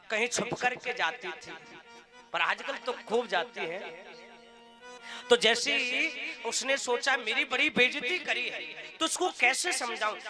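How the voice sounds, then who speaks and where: A man preacher giving a devotional talk, telling a folk story and calling on listeners to chant. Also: very high voice. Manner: storytelling, calls on the crowd to chant. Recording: live talk with accordion music behind. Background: accordion music.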